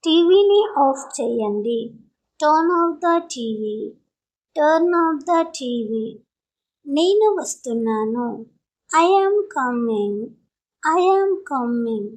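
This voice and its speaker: A woman teaching spoken English, reading short everyday sentences and repeating each one slowly and deliberately. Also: sits high, animated, low-quality recording. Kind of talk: slow repeated phrase drills.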